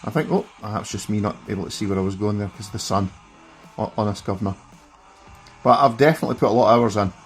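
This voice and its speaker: A man's voice: lowish voice, fairly even intonation, fast, faint music behind. A middle-aged man with a broad Scottish accent, giving chatty, self-deprecating live commentary as he plays games. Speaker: streamer reviewing a gaming handheld. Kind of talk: casual live gameplay commentary.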